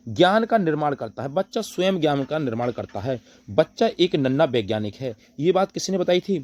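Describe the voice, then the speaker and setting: A man's voice: a little high, darkish tone, no room sound. A man teaching an online exam-prep lesson, repeating key terms, asking rhetorical questions and answering them himself. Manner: repetitive, rhetorical questions, calls listeners brother.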